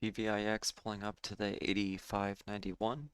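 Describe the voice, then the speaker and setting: A man with a hoarse, failing voice giving halting live trading commentary as host of a stream. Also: on the low side, flat delivery, no echo. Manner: halting, with fillers and throat clearing. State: hoarse, losing his voice. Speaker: day trading livestream host.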